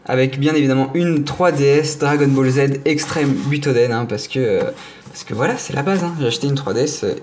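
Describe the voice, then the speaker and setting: Slight background noise sits under this medium-pitched male voice. He's a young French-accented gaming streamer rambling casually through a tour of his gaming room, often hesitating and correcting himself, and joking with playful enthusiasm about his collectibles.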